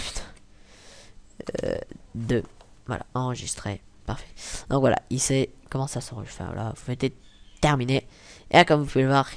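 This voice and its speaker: A young man talking through a casual software tutorial, rambling with many fillers and self-corrections, muttering asides and apologizing for swearing. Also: medium pitch, gravelly. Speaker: tutorial maker. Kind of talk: casual screen-recording tutorial.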